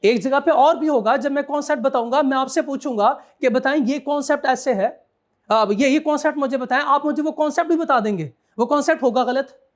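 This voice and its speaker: A man's voice: very high voice, fairly quick. A man giving a classroom law lecture, quizzing students and repeating his key points.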